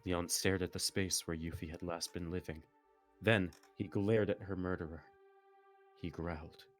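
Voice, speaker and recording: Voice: deep voice, fairly even intonation, moderate pace, faint music behind. Someone reading fan fiction aloud in a melodramatic way, with joking asides. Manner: melodramatic narration, breaking into laughter and asides. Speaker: reader of a story, with commentary.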